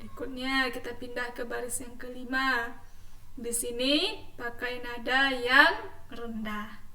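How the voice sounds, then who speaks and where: High, bright-voiced woman teaching recitation. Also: steady tone, slow, echoey room, far from the mic. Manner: patient teacher, chants verses in melodic recitation then explains. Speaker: Quran teacher. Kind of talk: classroom recitation lesson.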